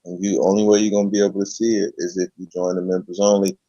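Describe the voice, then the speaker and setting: Male host, casual slangy chat, middle pitch, dry and muffled audio. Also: level tone, warm tone, dry recording. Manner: laid-back slangy, drawn-out hype. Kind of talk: casual late-night chat.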